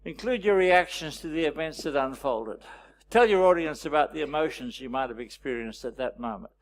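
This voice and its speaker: A man leading a storytelling workshop, teaching with wry anecdotes and frequent pauses. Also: fairly high pitch, lively intonation. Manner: anecdotal, wry, pausing often. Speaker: workshop presenter.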